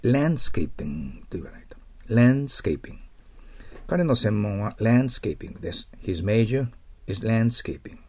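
A middle-aged man teaching TOEIC English vocabulary, explaining words and slowly modeling their English pronunciation. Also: fairly low pitch, vocal fry, darkish tone, breathy edge.

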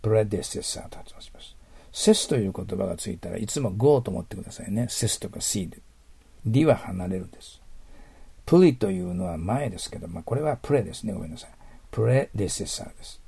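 Low gravelly male teacher, dry sound. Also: expressive, fast talker, dark tone, no room sound. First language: Japanese. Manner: explains word roots step by step, asks listeners rhetorical questions. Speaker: English vocabulary teacher. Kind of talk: recorded vocabulary lesson.

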